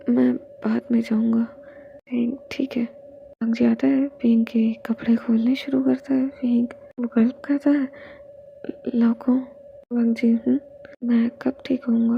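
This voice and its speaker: A woman reads a romance fanfiction aloud, voicing all the characters herself and often dropping to a whisper. Her high voice is mellow with vocal fry, and the recording sounds dull and lo-fi with faint noise.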